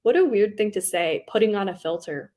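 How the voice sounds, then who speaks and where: A young woman runs a booktube livestream, reading live comments and chatting casually in an animated, fairly quick, mid-range voice with a dark tone. She rambles and giggles, using lots of likes and ums, and a faint Southern US accent slips into some words.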